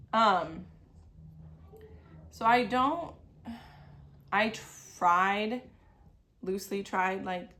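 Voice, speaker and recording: A woman in her thirties hosts a crafting video podcast from her sewing desk at home, her voice on the low side and fairly bright. Sniffly from a cold, she chats casually and meanders, talking around things with lots of "like" fillers.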